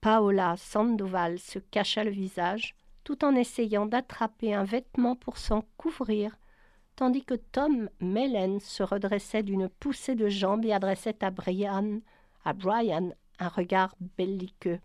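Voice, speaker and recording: A woman narrating a science fiction novel in a steady, measured reading. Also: medium pitch, dry recording, clean studio sound. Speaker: audiobook narrator. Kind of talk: storybook narration.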